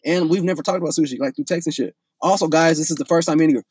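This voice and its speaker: A young man telling a story in a casual, profane, animated way, full of restarts. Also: fairly high pitch, racing, breathy edge, no echo.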